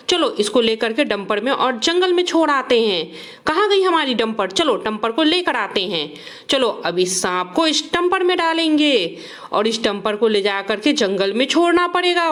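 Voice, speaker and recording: A woman's voice: high voice, a bit bright. A woman narrating toy play for children, full of exclamations and repeated words.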